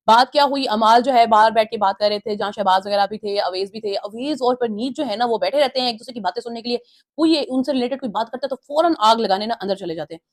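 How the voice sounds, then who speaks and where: A woman with a slightly high voice gives a casual, opinionated review of a reality show episode, retelling the housemates' quarrels and imitating their lines.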